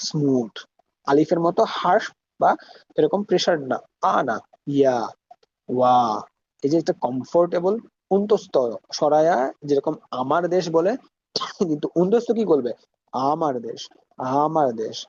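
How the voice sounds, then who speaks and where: A man teaching letter pronunciation in a patient, drilling way, sounding out each letter again and again. His voice sits a little high for a man, and the recording is somewhat dull and lo-fi with a faint hiss behind it. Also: mellow. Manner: slow, repeats each sound many times to demonstrate. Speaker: Arabic teacher. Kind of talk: pronunciation lesson.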